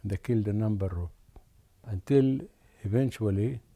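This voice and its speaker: This is an older Adeni man, from Yemen, whose lowish, mellow voice unfolds memories slowly in an oral history interview, broken by many pauses and fresh starts.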